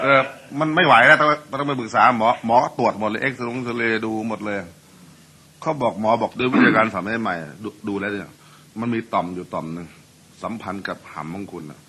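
A man telling a bawdy joke in a chatty, animated way, with asides to the listener. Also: fairly low pitch, slight background noise. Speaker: joke teller. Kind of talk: bawdy comic storytelling.

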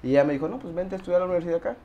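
A man's voice: sits high, racing, muffled recording, slight background noise. A young man from Honduras, a barber, chatting casually as a guest in an interview and often tossing in "brother" and "¿sabes?". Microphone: lapel mic.

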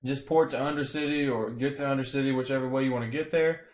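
Man, young adult, relaxed gaming commentary, filler words, mid pitch, roomy echo. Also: quick pace. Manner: relaxed, rambling, many fillers. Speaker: streamer explaining a gold farm. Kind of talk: casual game guide commentary. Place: home room, indoors. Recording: echoey room.

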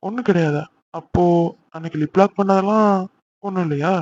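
Guy doing a playful teasing young husband, cartoon, rattles along fast, muffled audio. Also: high-pitched, darkish tone, close to an everyday voice. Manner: teasing, coaxing. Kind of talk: cartoon voice acting.

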